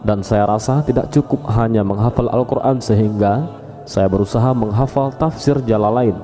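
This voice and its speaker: A man voicing an elderly woman scholar, calm and learned, in a soft, even delivery, speaking in a story. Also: fairly low pitch, normal speed, long reverb tail, natural voice.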